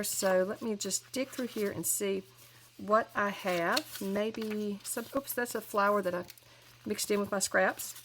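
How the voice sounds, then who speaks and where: Over some background noise, a woman with a mid-range voice and a head cold hosts a crafting channel tutorial. She chats casually, full of fillers and restarts.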